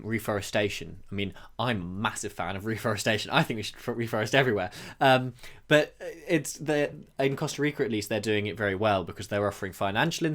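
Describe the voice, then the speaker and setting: A man's voice: on the low side, fairly bright tone. Man, hesitant podcast co-host. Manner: thoughtful, often pauses with ums and restarts. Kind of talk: conversational podcast discussion.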